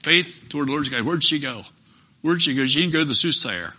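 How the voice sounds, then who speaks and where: A man's voice: on the high side, animated, fairly quick, sharp tone. A man preaching a sermon, earnest and emphatic, repeating phrases for stress.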